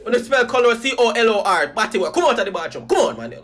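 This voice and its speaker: A man's voice: sits high, wildly swooping pitch, a little hiss or hum, voice pushed up. A man voicing a brash, insulting male phone assistant with a Jamaican accent. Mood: scornful. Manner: brash, mocking, quick to insult.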